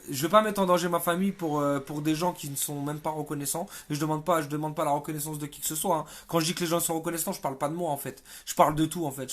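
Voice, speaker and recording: Exasperated, halting man with a high voice. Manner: halting, repeats words, exasperated. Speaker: protest activist. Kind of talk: livestream monologue.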